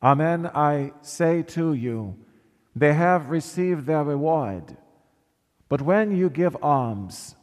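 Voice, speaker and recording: A male priest leading Mass with measured, solemn reading and sung acclamations, his voice ringing with a cathedral echo in a large church. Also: fairly high pitch, a little mellow. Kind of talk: liturgical reading and chanting at Mass. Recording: long church reverb.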